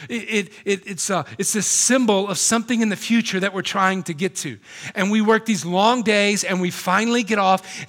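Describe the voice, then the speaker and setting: A man in his forties preaching a sermon in a theater, earnest and animated, often checking in with "right?" and restarting his sentences. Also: high voice. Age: 40s. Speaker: pastor. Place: theater used as a church.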